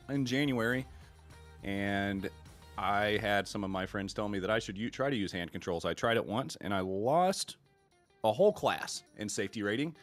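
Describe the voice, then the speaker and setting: Man, American accent, sim race commentary, relaxed and chatty, lowish voice, faint music behind. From United States. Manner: laid-back, chatty, laughs often. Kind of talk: sim racing broadcast commentary.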